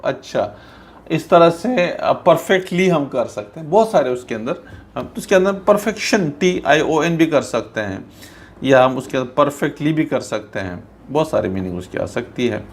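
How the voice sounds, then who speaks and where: A man's voice: a little high, expressive. A man from Pakistan teaching an English lesson, explaining patiently and reading textbook lines aloud in English. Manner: patient, repetitive explaining, often checks with "theek hai"; reads English textbook lines slowly, mixing them into his explanations. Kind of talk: recorded classroom lesson.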